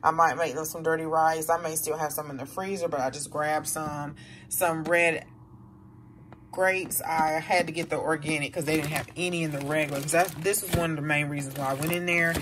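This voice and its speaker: Chatty low-voiced woman. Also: fairly even intonation, a little fast, noisy background. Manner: rambling, chatty, addresses viewers as y'all. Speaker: vlogger showing a grocery haul. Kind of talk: casual chat to viewers. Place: home kitchen, indoors.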